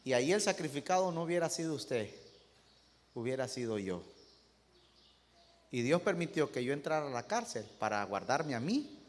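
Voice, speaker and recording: A man voicing a humble, faithful male servant who answers his king softly and calmly. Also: mid-range voice, normal speed, long pauses, pitched below the performer's own voice, lightly acted. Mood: calm assurance. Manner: soft, calm, patiently reassuring. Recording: echoey church hall.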